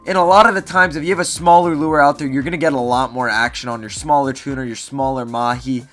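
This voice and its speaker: Speaking fast, with a steady, medium-pitched voice that's a bit bright, this man hosts a fishing gear review video. He counts down a top ten list for viewers casually but emphatically, hammering and repeating the main phrases over background music.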